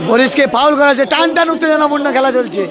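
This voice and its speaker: A man delivers frantic football commentary in a very high voice. He talks fast and keeps repeating players' names, with a loud crowd all around him outdoors. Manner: repeats names and phrases insistently. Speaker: football match commentator and live streamer. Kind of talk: live football commentary, excited. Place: outdoors beside a football ground.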